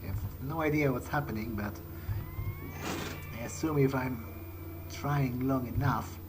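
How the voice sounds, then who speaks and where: A let's play gamer gives in-character commentary, musing hesitantly to himself as he plays. His mid-range voice is unhurried, set against a noisy background with the video game's soundtrack playing behind him.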